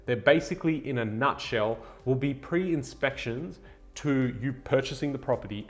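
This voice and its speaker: A man, hosting a casual finance explainer and talking straight to viewers in an upbeat, salesy way. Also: mid-range voice. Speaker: buyer's agent and channel host. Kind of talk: direct-to-camera finance explainer.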